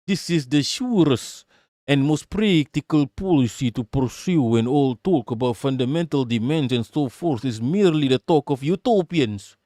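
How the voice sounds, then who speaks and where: Putting on an American accent, this man acts as a livestream political commentator who reads something out and then rants about it. His mid-range voice is emphatic and profane, often stuttering and repeating words, recorded at studio quality with no echo.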